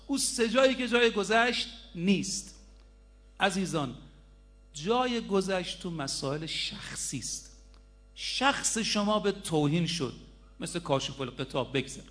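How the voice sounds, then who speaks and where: A man's voice: high-pitched, sharp tone. A middle-aged man preaching a sermon, telling a story and speaking straight to his listeners. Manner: storytelling, addresses listeners directly.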